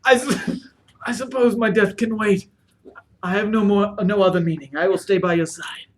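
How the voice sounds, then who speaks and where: A man voicing a humble, earnest lizard-like alien in a tabletop game, halting and solemn. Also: high-pitched, steady tone, close to an everyday voice. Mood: resigned, loyal. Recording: noisy home recording.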